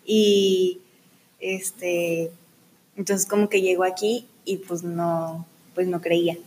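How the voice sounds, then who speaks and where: A young woman, answering interview questions in a soft, filler-heavy casual way. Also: fairly low pitch, steady tone, slow pace, poor audio. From Mexico. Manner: soft-spoken, uses many fillers like "o sea" and "como que".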